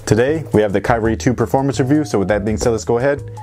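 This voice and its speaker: A man's voice: mid-range voice, fast talker, over music. A man giving a casual, joking basketball shoe review and swearing freely as he talks.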